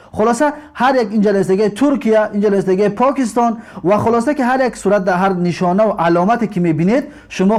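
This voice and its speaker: High-voiced man teaching Arabic slowly. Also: a little mellow. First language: Tajik. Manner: slow, patient explaining, repeats each Arabic word with its translation. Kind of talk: recorded lesson, explaining a textbook.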